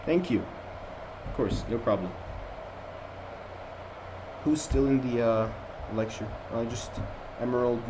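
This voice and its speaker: A young man from Jordan with an American accent speaks in a mid-range voice, taking it slowly with long pauses, and background noise is audible. He's a student lecturer on an online voice call, rambling through a casual review session. His chatty manner includes many fillers and restarts, recorded on a computer mic.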